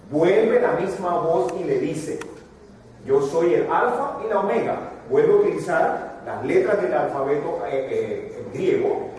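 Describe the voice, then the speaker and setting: A man from Panama preaching a sermon, walking the audience through a fill-in worksheet and building to emphatic, drawn-out repetitions. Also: fairly high pitch, mellow. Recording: echoey hall from a distance.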